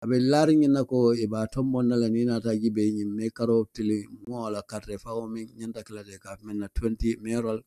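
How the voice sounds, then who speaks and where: Reading newspaper stories aloud for the daily news, an older Gambian man speaks in a warm, level, lowish voice, fairly quick with few pauses, and drops English phrases into his talk. He sits at a small indoor studio desk with a close boom-arm mic and no echo.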